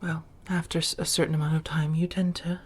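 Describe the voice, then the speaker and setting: Speaking softly in an ASMR roleplay, a woman portrays an affectionate, genteel vampire housemate centuries old. Her husky, breathy voice is low-pitched with a flat delivery and measured, old-fashioned phrasing, and the mood is reflective and genteel.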